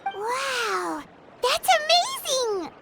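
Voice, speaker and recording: A woman voicing Paimon, a tiny excitable girl companion in a video game who talks about herself in third person. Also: very high-pitched, very slow, vocal fry, heavily acted. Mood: amazed. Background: game music.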